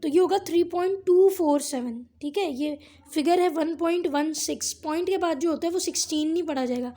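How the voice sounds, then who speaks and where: A woman's voice: very high voice, dark tone. A woman teaching a physics lesson step by step, often checking in with her students. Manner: explains step by step, reads English textbook lines slowly.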